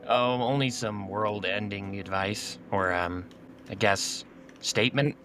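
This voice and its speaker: A man's voice: fairly low pitch, takes it slowly, a bit bright, slight background noise. A man playing a tabletop game, talking in a blunt and casual way. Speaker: player.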